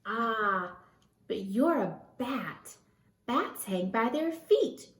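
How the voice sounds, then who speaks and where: A peculiar storybook bat, acted by a woman, matter-of-fact and corrective. The creature talks very slowly with lively pitch, in a roomy echo. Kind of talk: storybook read-aloud.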